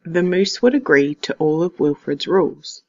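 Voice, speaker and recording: Reading a picture book aloud to a class, a teacher uses a deliberate, expressive storytelling style. Her voice sits at a medium pitch, and the recording sounds slightly dull.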